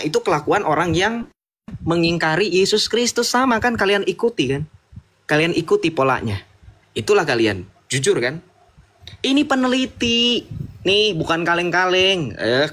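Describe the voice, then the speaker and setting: A man in a heated debate who lectures his opponent in a sarcastic, combative tone. His voice sits somewhat high, and he slides between casual slang and formal phrasing. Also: a bit bright.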